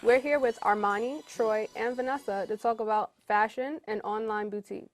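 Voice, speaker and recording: A woman hosting an interview show, upbeat and encouraging, asking quick follow-up questions. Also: a little high, fairly even intonation. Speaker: host. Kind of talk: casual interview.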